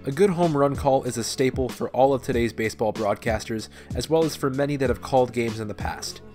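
A man's voice: medium pitch, a little fast, a little mellow, faint music behind. A man hosting and narrating a sports video from a script. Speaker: video host and baseball fan narrator.

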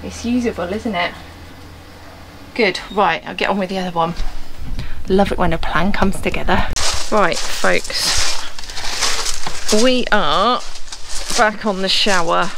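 Working on her van conversion inside the vehicle on a driveway and outside by a house, this self-mocking English vlogger in her forties keeps the chat casual and laughs a lot. She speaks at medium pitch, slowly and with long pauses, over background noise.

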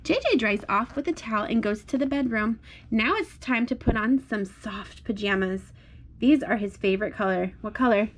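A woman with a medium-pitched voice reads a storybook to a small child at a moderate pace, using a sing-song, encouraging style and simple repeated phrases. They are indoors at home on a blanket, and a little hiss or hum can be heard.

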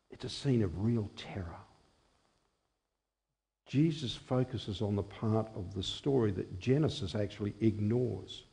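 A man in his sixties preaching a sermon in a small chapel at a lectern microphone, measured and expressive. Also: fairly low pitch, vocal fry. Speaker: chaplain preaching.

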